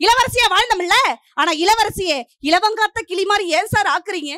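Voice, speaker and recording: A middle-aged woman from Puducherry, India, gives a debate speech on stage, declaiming in rhythmic parallel lines as she presses her point. Her very high voice has a sharp tone and a moderate pace, captured at studio quality with no echo.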